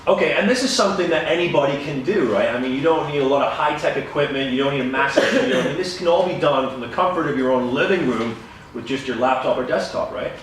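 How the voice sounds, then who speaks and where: A man's voice: medium pitch, fast talker, recorded from a distance, a little hiss or hum. A man hosting a live interview in front of an audience, upbeat and wordy like a presenter. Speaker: event host interviewer. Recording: echoey room mic heard from afar.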